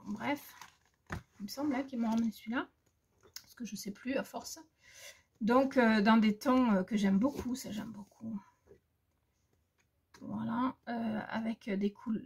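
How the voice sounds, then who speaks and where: A woman talks through her craft haul in a casual, halting way, stumbling and restarting often. Her voice sits a bit high, with a gravelly, husky edge. It sounds like a phone recording at home. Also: a little mellow. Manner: hesitant, many fillers and restarts. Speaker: crafting vlogger.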